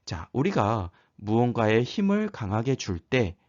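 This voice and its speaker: A man's voice: medium pitch, big pitch swings, unhurried, a little mellow, dull audio. Patient man teaching consonant sounds. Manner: patient explaining, drawing out example sounds one by one. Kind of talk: grammar lecture.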